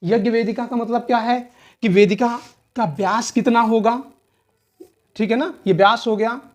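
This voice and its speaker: A woman with a north Indian Hindi accent gives an exam-prep history lecture. Her voice sits a little high. She poses questions, answers them herself and repeats the key terms, often tagging on "theek hai na". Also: darkish tone. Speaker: history teacher.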